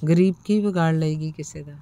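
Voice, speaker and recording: A woman narrating a first-person audiobook story in a measured, expressive reading. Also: low-pitched.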